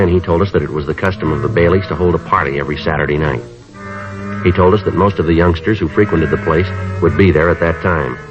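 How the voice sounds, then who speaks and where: An actor playing a calm, businesslike police sergeant, clipped and matter-of-fact, in a 1950s radio drama. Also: male voice, extremely low pitch. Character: calm, businesslike male police sergeant, persistent questioner and narrator. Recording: muffled vintage radio recording.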